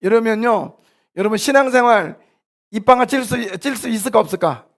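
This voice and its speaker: A male pastor delivers an animated sermon in a church. His voice is high and gravelly, and he drops to quiet asides before building to loud exhortations. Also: a little fast. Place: church sanctuary.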